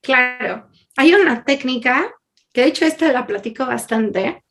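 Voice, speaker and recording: Gravelly-voiced woman sharing a story. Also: high voice, expressive, a little slow, fairly bright tone. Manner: earnest, laughs often, many fillers. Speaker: interview guest. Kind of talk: candid conversational storytelling.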